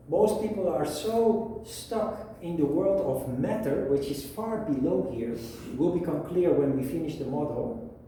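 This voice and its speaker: A man teaching a yoga philosophy lesson, explaining at a whiteboard in a measured way with pauses. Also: high-pitched, mellow, a little hiss or hum. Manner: slow, measured, with pauses and restarts. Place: room with a whiteboard. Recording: echoey room, mic at a distance.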